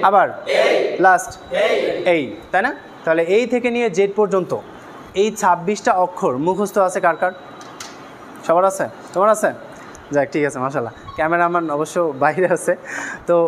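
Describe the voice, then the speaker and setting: A man's voice: high-pitched, a little hiss or hum. A young man teaching a beginner class in a classroom, quizzing the students with repeated questions. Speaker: English teacher.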